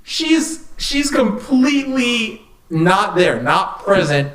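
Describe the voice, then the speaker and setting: A man's voice: sits high, very animated, slow pace, fairly bright tone, reverberant, poor audio. A man co-hosting a casual podcast, blunt and joking, with many fillers. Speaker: podcast co-host.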